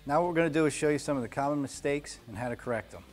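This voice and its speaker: A man's voice: a little high, very fast, faint music behind. A man in his forties teaching a welding lesson, explaining each step in a plain, practical way in an indoor workshop. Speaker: welding instructor. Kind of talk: instructional demonstration. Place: indoor workshop garage studio.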